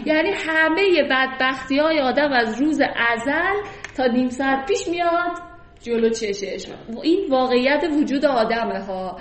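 Brief: fairly high-voiced woman teacher, reads poetry slowly and chats through its meaning, echoey room. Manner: recites verses slowly, then explains in casual speech. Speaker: literature teacher. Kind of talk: poetry lesson, reciting and explaining verses. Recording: roomy echo.

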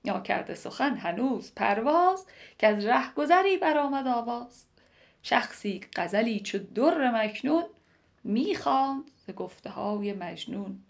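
Woman reading old poetry slow and sing-songy, a bit high, gravelly fry in it. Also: lively intonation. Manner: measured, lilting verse reading that repeats lines and drops to soft whispers. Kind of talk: classical poetry recitation.

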